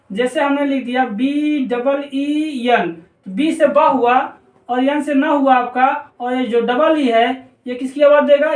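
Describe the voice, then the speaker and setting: A man teaching an English pronunciation lesson, slowly spelling out letters and repeating each word. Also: very high-pitched. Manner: slow, deliberate, spells out letters and repeats words. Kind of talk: spoken language lesson. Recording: roomy echo, voice distant from the mic.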